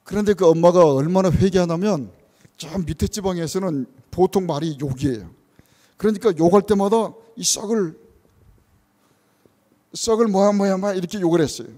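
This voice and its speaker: A man with a notably high voice delivers an earnest sermon as a church elder. He drives his points home with strings of rhetorical questions and plays out what parents say to their children. His voice rings with the long reverb of a church hall. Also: normal speed, dark tone. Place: church sanctuary.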